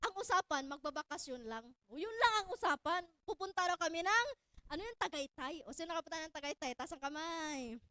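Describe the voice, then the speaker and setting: A young woman from Cebu telling her own story to an audience in a lively, laughing way, often raising her voice to exclaim. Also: very high voice, a little fast, no room sound. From Cebu, Philippines. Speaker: speaker sharing her story.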